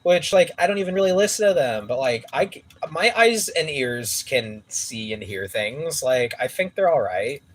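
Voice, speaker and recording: A man's voice: mid-range voice, expressive, normal speed, hardly any pauses. A man streaming a game and chatting casually, rambling with lots of fillers and restarts, on a phone mic set some way off. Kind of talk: casual live-stream chat. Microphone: phone mic some distance away.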